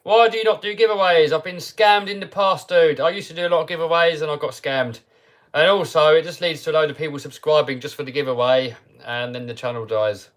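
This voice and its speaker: A fairly high-pitched man speaks fairly quickly while hosting a casual live chat. He's relaxed and talkative, often laughing as he reads his viewers' questions aloud.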